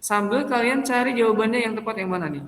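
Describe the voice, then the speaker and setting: A man's voice: sits high, fast, fairly bright tone. A man lecturing an English class, switching between Indonesian and English and often checking with students through rhetorical questions. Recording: echoey room with long reverb.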